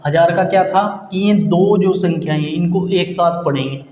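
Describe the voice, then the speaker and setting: High-voiced man teaching maths in an echoey room. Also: a little mellow. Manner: asks pupils questions and answers them himself; repeats key terms slowly, counting out numbers. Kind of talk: classroom lesson at a board.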